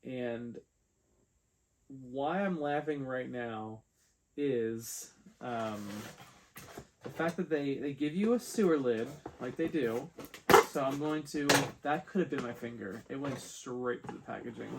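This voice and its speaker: A man's voice: medium pitch, vocal fry, background noise. A man reviewing toy figures in a casual unboxing chat, wry and exasperated.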